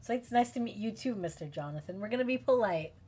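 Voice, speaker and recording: A woman streamer reading a dating game aloud, calm when she narrates and gushing, joking and excitable when she reacts. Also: a little high, fast, slightly rough.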